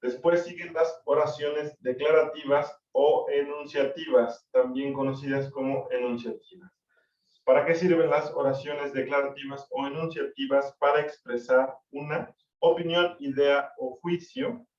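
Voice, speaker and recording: A man's voice: a little high, fairly even intonation, a little slow, darkish tone. Guy teaching a class, repeats stuff step by step, sounds far off from the mic in an echoey room. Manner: explains step by step, repeats key terms, uses tag questions. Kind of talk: recorded class lecture. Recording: dull, roomy audio from a distant mic.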